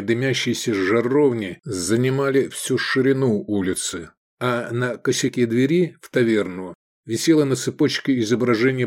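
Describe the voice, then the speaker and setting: A man narrating an audiobook in a measured, expressive reading style. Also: mid-range voice. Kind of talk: scripted narration.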